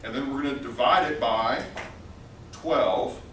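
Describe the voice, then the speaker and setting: A man's voice: medium pitch, unhurried, fairly bright tone. Middle aged guy teacher dictating step by step, bit far from the mic, some noise behind. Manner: checks understanding with frequent "okay?". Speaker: instructor. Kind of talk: classroom spreadsheet lesson. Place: indoor classroom with whiteboard and projection screen. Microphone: far camera across the room. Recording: roomy, distant microphone, background noise.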